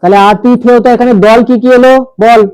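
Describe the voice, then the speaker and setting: Male teacher, high voice, classroom grammar lesson, explains step by step and quizzes students, dry close sound. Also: little pitch movement, quick pace, a little mellow, smooth, no echo, rough recording.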